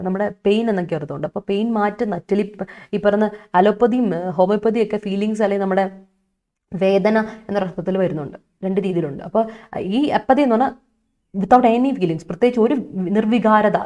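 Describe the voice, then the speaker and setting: A woman's voice: medium pitch, darkish tone. A young woman with a Malayali accent teaching English vocabulary in an online exam-prep lesson, chatty and coaxing, repeating key points.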